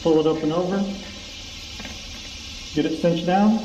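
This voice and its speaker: A man speaking through a respirator mask while he fits it, in a plain, relaxed how-to manner. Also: a little high, unhurried, roomy sound, big-room sound, dull audio, slight background noise. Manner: relaxed, plain-spoken, many fillers. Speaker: DIY channel host. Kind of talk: casual how-to demo. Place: home garage.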